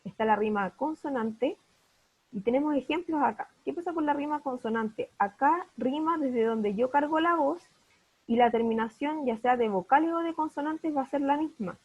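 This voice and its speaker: A woman's voice: sits high, moderate pace, dull audio. A woman teaching an online primary school class, patiently checking understanding with repeated questions. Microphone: video call.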